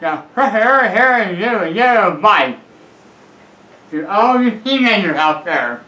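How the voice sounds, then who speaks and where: A man's voice: high voice, expressive, unhurried, sharp tone. A middle-aged man giving earnest, repetitive advice straight to camera from a room at home. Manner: earnest, repetitive, calls himself by a nickname. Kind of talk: direct-to-camera advice vlog. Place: small room at home, leather armchair by a bookshelf. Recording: echoey small room.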